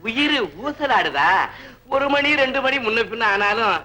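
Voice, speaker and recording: A man's voice: very high voice, animated, a little slow, sharp tone, slight background noise, heavily acted. An actor playing a middle-aged father who fusses and exclaims dramatically in a family comedy scene. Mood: exasperated. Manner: exclaiming, fussing. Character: fussy, dramatic father exasperated by his daughter.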